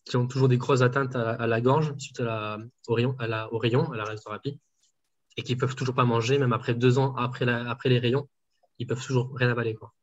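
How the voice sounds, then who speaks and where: Man, dietitian interviewee, halting delivery, dull lo-fi call sound. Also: mid-range voice, flat delivery. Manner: hesitant, many fillers and restarts. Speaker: home enteral nutrition dietitian. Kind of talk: casual interview answers.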